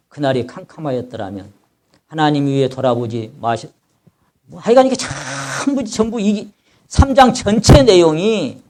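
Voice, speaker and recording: A man's voice: medium pitch, darkish tone. A man preaching a sermon as pastor, reading scripture aloud and explaining it with passion, crying out as the sufferer. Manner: reads scripture aloud, then explains it in plain speech; impassioned, cries out in the voice of the sufferer.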